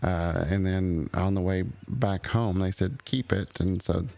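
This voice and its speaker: Low gravelly halting man. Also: warm tone. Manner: halting, full of uh and um. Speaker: roleplay streamer playing an old relative. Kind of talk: in-character roleplay chat.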